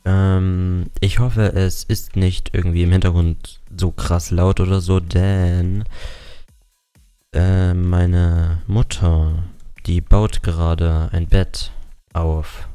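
Young guy w a deep mellow voice, rambly gaming chatter, cusses a bit, quiet music behind. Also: flat delivery, takes it slowly, clean tone. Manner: chatty, rambling, swears casually. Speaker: gaming YouTuber. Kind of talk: casual Let's Play commentary. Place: home room. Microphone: desktop mic with facecam.

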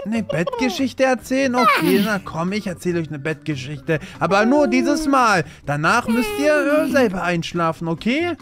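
A man's voice: high-pitched, very animated, moderate pace, hardly any pauses. A man playing a caretaker in a game role-play, talking in a playful, exaggerated way and scolding in mock outrage. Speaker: video creator playing a caretaker. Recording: game music in the background. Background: music.

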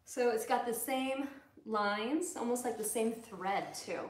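A woman with an Upper Midwest accent chats through a relaxed livestream show-and-tell at an unhurried pace, her voice sitting a little high. She giggles between thoughts. The small room is echoey, with a faint hiss behind her. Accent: Upper Midwest American. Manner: chatty, giggly, slow-paced show-and-tell. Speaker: livestream host. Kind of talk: casual livestream chat. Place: small salon room with barber chairs, indoors.

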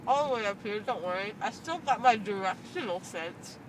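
A woman's voice: medium pitch, lively intonation, normal speed. A young woman chatting giddily and loopily, her speech slurred by a numb mouth stuffed with gauze after dental surgery. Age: young adult. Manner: loopy, giddy rambling. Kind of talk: casual chat. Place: inside a car. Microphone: handheld phone in the car, a little away. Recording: distant car recording with road noise.

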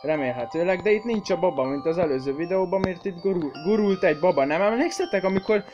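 A man's voice: high-pitched, dull audio, music in the background. Jumpy, foul-mouthed gamer guy. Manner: swearing, jumpy, shrieks when startled; talks to viewers as kids. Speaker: gaming channel host. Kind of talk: horror game let's play commentary.

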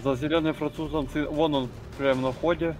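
A man's voice: a little high, steady tone, normal speed. A man giving casual callouts to his teammates in a shooter game. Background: music and game gunfire.

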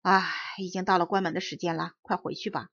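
A woman's voice: fairly low pitch, level tone, fast, fairly bright tone, no room sound, pitched below the performer's own voice. A woman reading as a proud, impatient old man who brushes off a trio of mice scornfully. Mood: dismissive. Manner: scornful, dismissive. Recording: dull dry audiobook recording.

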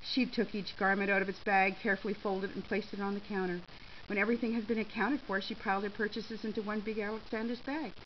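A woman reading a short story aloud in a lively, expressive way. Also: medium pitch, fast. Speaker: reader. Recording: slightly dull with faint hiss.

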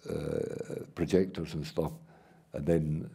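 An older Scottish man with a deep, gravelly voice that has a husky edge. He tells stories at a rambling pace, stopping to restart his sentences, as the guest in an onstage conversation before an audience. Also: sing-song, mellow. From Scotland. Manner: rambling anecdotal, halting restarts. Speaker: guest artist and playwright. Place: event hall before an audience.

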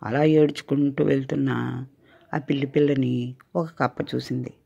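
An older woman telling a children's story as a grandmother, in a gentle, coaxing tone. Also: a bass voice, fairly even intonation, normal speed, vocal fry, husky. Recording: dull lo-fi recording.

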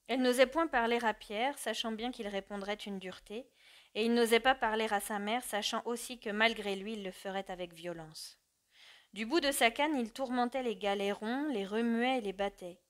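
A woman reading a classic novel aloud in a measured, expressive narration. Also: on the high side. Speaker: audiobook narrator. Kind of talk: literary audiobook reading.

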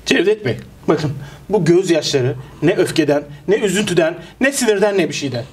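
A man's voice: fairly high pitch, expressive, brisk. A man debating in a comic mock debate, melodramatic and acting offended.

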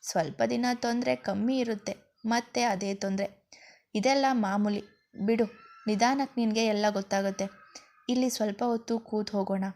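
A woman voicing a gentle young husband who soothes and teases in quick, coaxing speech. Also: mid-range voice, fairly even intonation, natural voice.

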